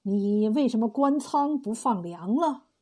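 A woman voicing a kind, wise old male village healer who speaks slowly and calmly in a storybook tale. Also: on the high side.

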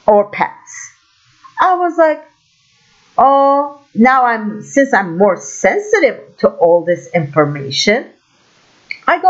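Woman from Turkey, a bit high-voiced, casual monologue with exclaimed asides, dull recording. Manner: animated storytelling, exclaims in quoted asides.

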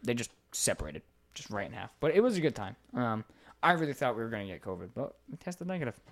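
A young American man co-hosting a podcast, telling stories in a casual, animated way and swearing a lot. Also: medium pitch, quick pace, vocal fry. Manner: animated storytelling with frequent swearing. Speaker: podcast co-host. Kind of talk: casual chat.

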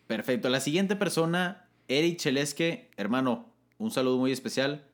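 A young man with a Mexican Spanish accent co-hosting a casual chat, reading listener comments in an upbeat way and laughing often. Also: normal speed. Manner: upbeat, laughs often, jumps pitch when excited.

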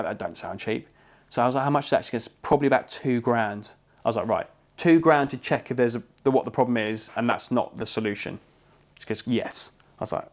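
A young English man co-hosting a podcast, telling a story in a casual, animated way and swearing freely. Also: medium pitch. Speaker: podcast co-host.

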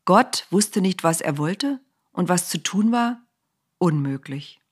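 A woman narrating a children's storybook aloud in an expressive, lively way. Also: on the low side, slow pace, slightly rough.

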